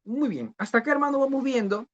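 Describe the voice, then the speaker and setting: A man's voice: very high-pitched, animated, quick pace. A man teaching a discipleship Bible class who questions his students and repeats key phrases. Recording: dull lo-fi recording.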